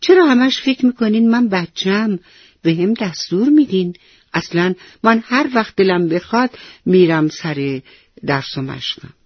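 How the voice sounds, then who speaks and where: A woman's voice: mid-range voice, lively intonation, husky, no echo, muffled recording. A woman voicing a stubborn little schoolboy who grumbles and complains, in a children's storybook reading. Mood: sulky. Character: sulky little schoolboy, stubborn then sorry.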